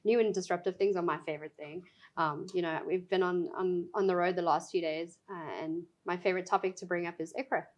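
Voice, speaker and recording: A woman's voice: fairly low pitch, steady tone, brisk. A woman, a regional sales director, chatting as a guest in an interview, emphatic and enthusiastic. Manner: emphatic, enthusiastic, laughs easily. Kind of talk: casual interview chat.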